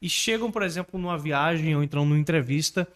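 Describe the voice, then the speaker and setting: A man from Brazil teaching English online, pitching his course and coaching pronunciation with energy. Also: fast talker. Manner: energetic, persuasive, asks the viewer to repeat words.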